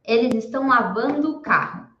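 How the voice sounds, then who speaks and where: A young adult woman with a fairly high, slightly bright, lively voice teaches beginner English in a live online class, drilling slowly and patiently and repeating each word so students can follow. The audio is echoey, with highs cut off and a little hiss or hum.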